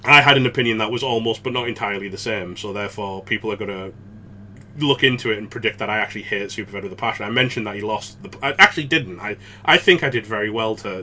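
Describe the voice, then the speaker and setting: Chatty male podcast co-host, bright tone, low-ish voice, laughs easily. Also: slight background noise. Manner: chatty and rambling, quick to laugh. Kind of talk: casual gaming podcast chat.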